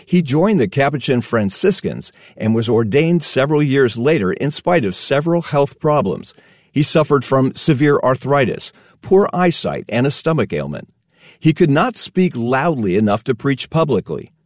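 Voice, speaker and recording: A man giving a scripted narration in a measured, even manner. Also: mid-range voice, dry recording, studio quality.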